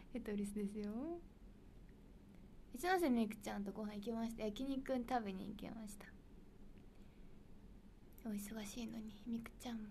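A young woman with a Kansai accent hosting a casual livestream, chatting brightly and answering viewer comments, often dropping into soft, near-whispered asides. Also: a little high, moderate pace, long pauses, slight background noise. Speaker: idol livestream host.

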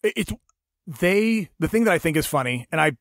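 Podcast host guy, kinda high voice, dry close mic, goes animated when he tells kid stories. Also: fairly quick, no echo. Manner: animated storyteller, acts out his kids. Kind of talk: casual chat.

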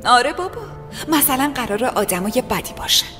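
A woman's voice: fairly high pitch, lively intonation, bright, forceful tone, in a large hall, faint music behind. A woman voicing a young woman who soothes a captive child by turning the kidnapping into a game. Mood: playful coaxing. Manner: playful, coaxing, childlike storytelling. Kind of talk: dubbed TV drama.

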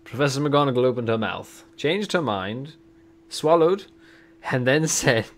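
A man's voice: medium pitch, expressive, unhurried. Man reading a story aloud with jokes. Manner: reads narration, breaks off to banter and joke. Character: Professor McGonagall, stern older woman. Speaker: reader and puppet show performer. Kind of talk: comic read-aloud with character voices.

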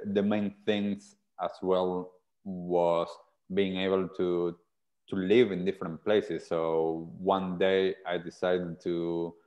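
Low-voiced man from Argentina, earnest storytelling. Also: a little mellow, highs cut off. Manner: earnest, reflective, gestures while talking. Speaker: podcast guest. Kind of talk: casual interview storytelling. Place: small indoor room. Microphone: earphone headset on a video call.

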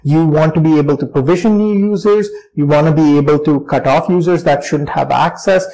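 A man with a polished, educated Indian accent gives an explanatory career talk. His voice sits a little higher than average. He phrases things formally and in a measured, articulate way. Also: warm tone, low-quality recording. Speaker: data engineer giving a career talk. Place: bright indoor room by large windows, seated.

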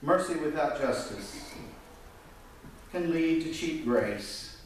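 A man in his fifties preaching a sermon from a church pulpit, gesturing and swinging his voice high and low. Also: slow pace, a little hiss or hum. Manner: animated, gesturing preacher with wide swings in pitch. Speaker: pastor. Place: church sanctuary. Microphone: pulpit mic, filmed from the pews. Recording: echoey church from a distance.

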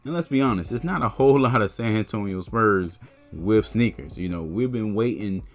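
A man, talking casually to camera about sneakers in a laid-back, chatty way. His voice sits fairly low. Faint music plays behind him. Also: lively intonation, moderate pace. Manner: laid-back, chatty, says "man" and "you know" often. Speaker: sneaker and basketball vlogger.

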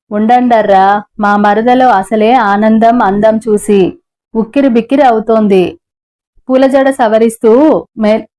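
A woman narrates a novel for an audiobook, her voice pitched a little high with a mellow, warm tone. She reads the story steadily and slips the characters' dialogue into the narration. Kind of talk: reading a novel aloud.

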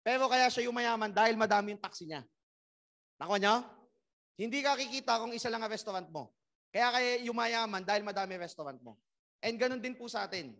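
A young man from the Philippines giving a motivational business orientation to a crowd, firing rhetorical questions and pushing his voice up loud to drive points home. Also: very high-pitched, quick pace, gravelly. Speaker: network marketing trainer.

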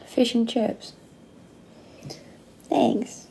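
In a rough recording with a little hiss or hum, a Danish woman in her late twenties speaks very slowly in a steady, creaky, warm voice on the high side, with a slight Australian accent. She hosts a casual livestream from her phone, close to her face indoors, reading comments and laughing often.

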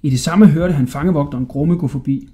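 A man narrating a children's bedtime audiobook in an expressive storytelling manner. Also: a little high. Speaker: audiobook reader.

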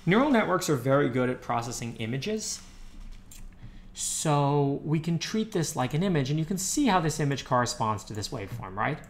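With a fairly high, sing-song voice at a moderate pace, a man offers casual live-coding commentary while streaming. He explains the code in a rambling way, muttering asides close to his desktop USB microphone as keys click faintly behind him.

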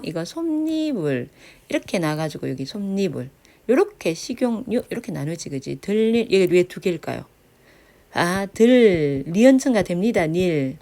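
Woman teacher, lively pitch, mellow tone, grammar lesson, frequent check-in questions. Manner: sounds out example words slowly. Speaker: middle school Korean teacher.

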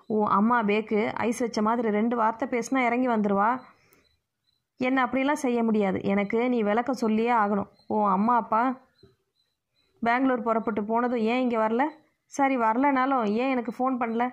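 A woman's voice: on the high side, fairly even intonation, normal speed, close to an everyday voice. A woman voicing a bossy middle-aged aunt who scolds and lectures, recorded muffled and lo-fi. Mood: scolding.

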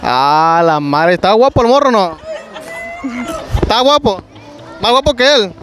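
High-voiced, teasing Mexican street host. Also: male voice, expressive, a little slow, fairly bright tone, slight background noise. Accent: Mexican Spanish. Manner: teasing, hypes the crowd, slangy. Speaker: street prank show host. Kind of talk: energetic street game hosting. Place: outdoor street market. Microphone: handheld microphone.

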